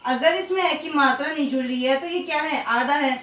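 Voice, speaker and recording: Recorded far from the mic in a roomy setting, a female primary teacher runs an online lesson, patiently repeating pronunciation drills and answering her own questions. She speaks a bit fast in a high, fairly bright voice.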